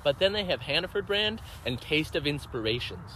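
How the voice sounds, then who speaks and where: A man co-hosting a casual podcast chat, playful and quick to laugh. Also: fairly high pitch, big pitch swings, pushed and bright, slight background noise. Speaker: podcast co-host.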